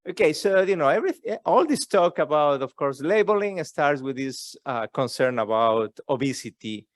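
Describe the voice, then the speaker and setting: A man's voice: medium pitch, no room sound. Hesitant man presenting at a conference. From Ecuador. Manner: hesitant, many fillers and restarts. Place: conference room.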